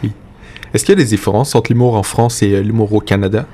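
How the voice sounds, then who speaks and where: A man's voice: on the low side, steady tone, fast, warm tone. A man working as an interviewer, asking short, plain questions.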